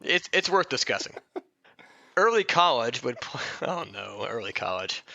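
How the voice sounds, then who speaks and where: Reading a comic biography on his podcast, this man has a mid-range, gravelly, bright and forceful voice with a sing-song lilt and a moderate pace. He's jokey and casual, frequently laughing mid-sentence. The sound is lo-fi with no echo.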